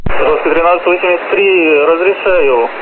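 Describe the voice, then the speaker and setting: A man's voice: a little high, normal speed. A man working as an air traffic controller, giving clipped procedural instructions over a radio. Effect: radio transmission. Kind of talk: procedural aviation radio communication. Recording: noisy narrow-band aviation radio.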